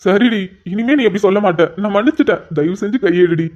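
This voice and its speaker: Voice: medium pitch, fast, darkish tone, lightly acted. An exasperated young cartoon husband, voiced by a performer, pleading and sighing to himself. The audio is a little dull and lo-fi. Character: flustered young married man, patient and exasperated.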